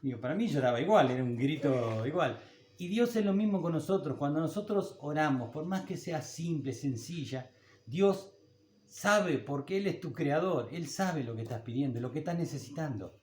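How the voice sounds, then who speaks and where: Folksy older Argentine pastor, echoey room. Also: male voice, fairly high pitch, animated, moderate pace, darkish tone, a little hiss or hum. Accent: Argentine Spanish. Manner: conversational, folksy, with anecdotes and small laughs. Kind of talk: sermon.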